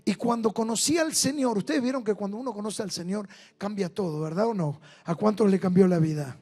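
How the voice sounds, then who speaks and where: High-voiced Argentine pastor telling stories. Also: male voice, brisk. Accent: Argentine Rioplatense Spanish. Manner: animated storyteller, swings between soft intimate asides and loud bursts. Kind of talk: storytelling sermon. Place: church meeting with live audience.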